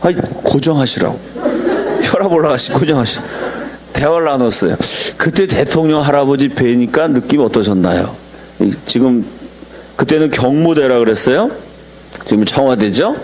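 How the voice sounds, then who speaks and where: A middle-aged man, a pastor, preaching a lecture-style sermon, telling stories animatedly and acting out quotes in sudden high shouts. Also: a little hiss or hum.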